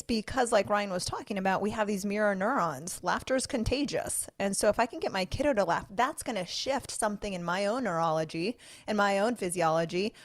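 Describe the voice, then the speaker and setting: A woman co-hosts a conversational podcast on parenting. She explains her points earnestly in a mid-pitched voice. The recording is dry and close. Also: no echo. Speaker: podcast co-host, family services worker. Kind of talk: conversational discussion.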